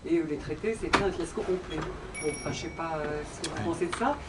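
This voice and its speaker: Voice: medium pitch, fast talker. An audience member at a conference speaking without a microphone, rambling with many fillers. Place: conference room. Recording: distant voice with background noise.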